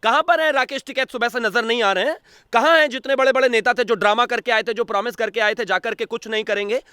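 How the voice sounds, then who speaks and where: Male political analyst, agitated and accusatory; high, clear, dry close-mic voice. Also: quick pace, pushed and bright, no echo. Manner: agitated, accusatory, rhetorical questions. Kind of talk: heated political commentary.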